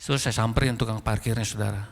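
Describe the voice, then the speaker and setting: A man's voice: on the low side, fast, vocal fry, slight background noise. A male pastor, preaching a sermon and acting out the dialogue in his story. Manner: animated storytelling, acting out dialogue, addressing congregation as "saudara". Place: large church hall. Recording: long hall reverb.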